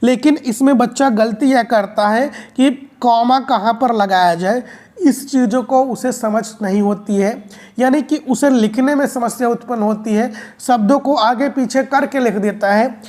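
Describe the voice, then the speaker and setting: An unhurried woman with a high-leaning, somewhat mellow voice gives an exam-preparation video lecture. Her explanations are repetitive and drilling, and "friends" comes up often as she addresses viewers.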